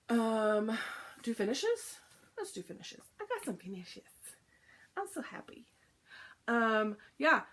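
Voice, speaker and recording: A woman chatting casually about her cross-stitch projects, short of breath and filling pauses with "um". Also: mid-range voice, a bit bright. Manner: chatty, lots of "um" fillers. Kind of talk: casual show-and-tell chat.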